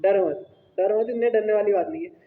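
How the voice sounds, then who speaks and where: A male teacher telling a personal story to his class in an animated, conversational way. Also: high voice, brisk, some chatter behind. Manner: animated, conversational, asks "right?". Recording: echoey hall, tinny phone-like sound.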